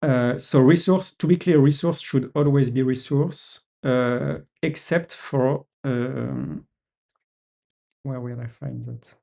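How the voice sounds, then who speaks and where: Male, French accent, gravelly, hesitant developer explaining features in a call. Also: mid-range voice, takes it slowly, mellow. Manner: hesitant, many "uh" fillers. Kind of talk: casual video-call discussion.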